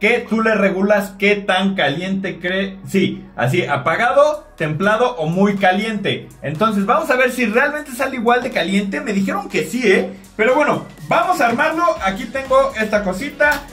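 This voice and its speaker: A man in his thirties with a Mexican accent, testing a product on camera at home with a jokey, excitable manner, talking straight to viewers. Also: high-pitched, normal speed. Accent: Mexican Spanish. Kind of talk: casual on-camera product test. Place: home bathroom and shower, indoors. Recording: roomy, distant, faint music.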